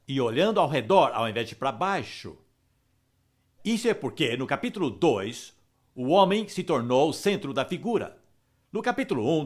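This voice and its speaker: Lively man teaching the Bible. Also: fairly high pitch. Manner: emphatic, explanatory.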